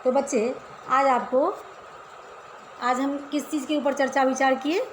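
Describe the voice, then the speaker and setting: Steady in tone and unhurried, a high-voiced Hindi teacher leads a casual children's class. She breaks things down step by step and keeps questioning the pupils, heard in an echoey room with faint ambience and light hiss or hum.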